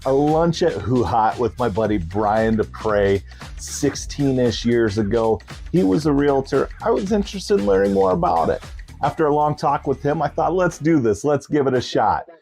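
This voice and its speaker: Male bingo host, upbeat and folksy, casual chatter with lively pitch swings, light music underneath. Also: normal speed, vocal fry.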